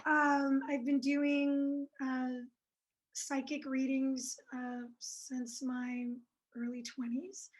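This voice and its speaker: The recording is poor: a woman with a high-pitched, monotone voice talks very slowly. She's a shy psychic guest on an interview show, a native speaker of French and Italian, chatting casually and hesitating often with plenty of fillers.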